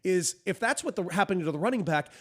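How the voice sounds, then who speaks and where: A man's voice: sits high, lively intonation, quick pace, a bit bright. A man co-hosting a sports podcast, talking in a casual, rambling way and laughing often. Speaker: podcast co-host.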